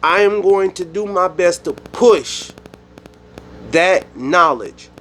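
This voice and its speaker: A man from the United States hosting his own channel, speaking his mind in a rambling, animated monologue with frequent restarts. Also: sits high, takes it slowly, slight background noise. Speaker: YouTube channel host. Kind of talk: solo opinion monologue.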